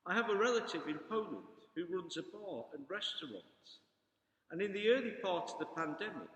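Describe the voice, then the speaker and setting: A man giving a Gospel reading and homily as a priest, in a solemn, measured and formal pulpit manner. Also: high-pitched, expressive, a bit bright. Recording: echoey hall with long reverb.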